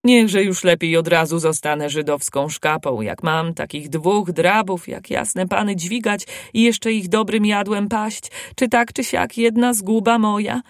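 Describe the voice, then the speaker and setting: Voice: mid-range voice, unhurried, hardly any pauses, dry recording, clean studio sound, close to an everyday voice. A storyteller voicing a frightened vagabond man who begs for mercy. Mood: pleading. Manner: pleading, whispering in fear. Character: threatening then cowering vagabond man.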